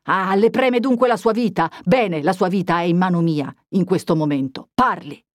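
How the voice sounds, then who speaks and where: A woman reading aloud, voicing a hot-tempered young peasant man who demands answers forcefully. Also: lowish voice, normal speed, no room sound, studio quality, close to an everyday voice. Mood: angry.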